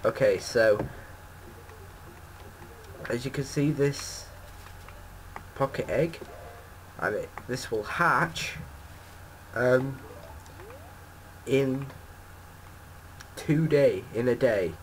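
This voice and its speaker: A man's voice: mid-range voice, very slow, long pauses, slight background noise, poor audio. A man giving casual gameplay commentary as a let's play host, rambling and correcting himself with many ums.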